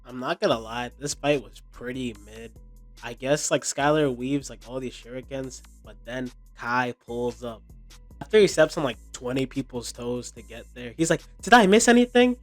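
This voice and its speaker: A young man delivers an informal, sarcastic recap in a medium-pitched voice. The sound is dry, with faint music underneath his slangy commentary. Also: fairly even intonation, moderate pace, dry recording. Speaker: video commentator.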